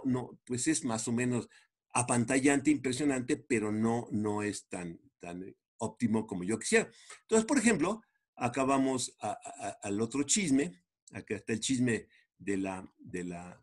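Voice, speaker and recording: A man, chatting his way through a coding demo as an instructor, animated and full of restarts. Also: medium pitch, slightly rough. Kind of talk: casual screen-share coding walkthrough.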